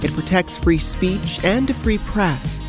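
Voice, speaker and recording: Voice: medium pitch, expressive, unhurried, music in the background. A radio announcer reading a station promo in a polished, upbeat way.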